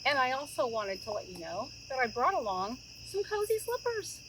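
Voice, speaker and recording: Sitting by a campfire in the woods, a middle-aged woman hosts a children's story time, talking informally and asking her young listeners questions directly. Her high-pitched voice swings widely in pitch at a moderate pace. Crickets and insects are clearly audible in the outdoor ambience.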